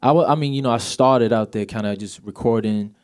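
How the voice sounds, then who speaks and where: A Swedish man in his twenties, a native speaker with a light accent, chats casually as a singer guest in an interview, laid-back and full of "you know." His mid-range voice is fairly quick with a darkish tone, and faint music plays behind.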